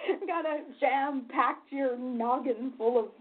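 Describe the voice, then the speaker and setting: A woman's voice: high voice, slow. A woman hosting an interview, chatty and leading, often laughing as she asks questions. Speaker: interview host and hypnotherapy trainer. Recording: tinny phone-like line.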